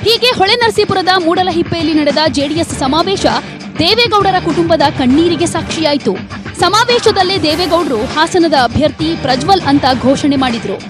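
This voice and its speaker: A woman reporter with a Kannada accent delivers a punchy, dramatic news voice-over in a very high voice. Clear background music plays under her reading. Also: lively intonation, brisk.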